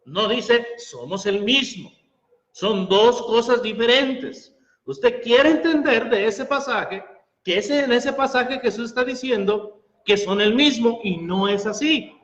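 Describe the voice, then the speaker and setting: A man preaches a sermon in a high, carrying voice, building his case through Bible verses and pointed rhetorical questions. His voice rings through a reverberant hall. The recording sounds dull and lo-fi. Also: takes it slowly, a bit bright.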